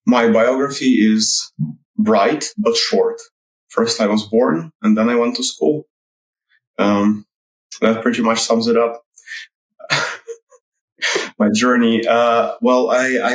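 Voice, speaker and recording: A man from Russia, a guest in an interview, talking slowly and hesitantly with many fillers and a dry wit. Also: medium pitch, reverberant, low-quality recording. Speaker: guest, writer. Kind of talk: casual interview talk. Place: Toronto.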